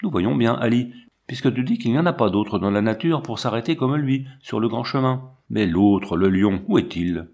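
A man voicing a blunt, sturdy soldier who speaks in a calm, curt, matter-of-fact way. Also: medium pitch, normal speed, vocal fry.

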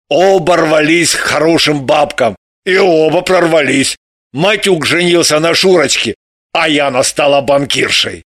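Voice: mid-range voice, fairly bright tone, no echo, studio quality, close to an everyday voice. An audiobook narrator voicing brash, tipsy middle-aged male gamblers, boisterous and coaxing. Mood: boastful. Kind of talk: audiobook character voices.

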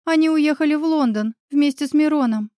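A heartbroken young woman on the edge of tears, voiced by a female narrator, speaking in a raised, soft-edged tone. The sound is close and dry. She sobs between her words, resigned and bitter. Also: high voice, fairly quick, no echo, pitched above the performer's own voice, close to an everyday voice. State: sobbing.

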